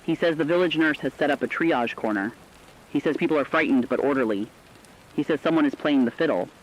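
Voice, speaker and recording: With a slightly high, fairly ordinary voice and a somewhat quick delivery, a man portrays a radio broadcaster reading a scripted, reflective report. He recounts survivors' stories in a grave, compassionate tone over dull, lo-fi radio audio.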